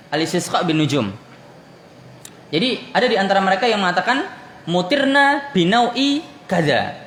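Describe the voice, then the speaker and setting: A man's voice: high voice, a bit bright. A man from Indonesia teaching an Islamic study lesson, asking his listeners questions and answering them himself, telling anecdotes with light laughter. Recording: echoey room with faint background noise.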